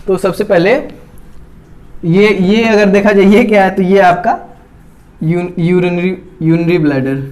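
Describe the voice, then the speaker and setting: A man with a high, slightly mellow voice teaches biology as he draws a diagram. He repeats every term and keeps checking in with his students, saying "theek hai" constantly.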